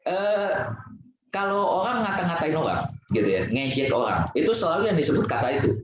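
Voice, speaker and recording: Man, casual Buddhist Dhamma talk, lively intonation, conversational and jokey, booming echoey temple hall. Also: brisk, slight background noise. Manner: chatty, conversational, laughs at his own jokes. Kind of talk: casual Buddhist Sunday sermon. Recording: very echoey, dull lo-fi hall recording.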